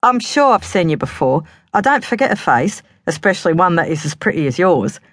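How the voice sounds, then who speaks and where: A woman's voice: on the low side, big pitch swings, fairly quick, dry recording, studio quality, voice pushed up. A woman voicing a flirty, self-assured male pub licensee in his early thirties with a Cockney accent, overly familiar and chummy. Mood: chummy flirting.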